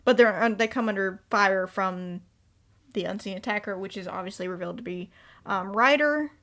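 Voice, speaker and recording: A woman's voice: mid-range voice, normal speed, bright, forceful tone. A woman co-hosting a casual fan chat, recapping the story with fillers and growing emotional. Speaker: podcast co-host.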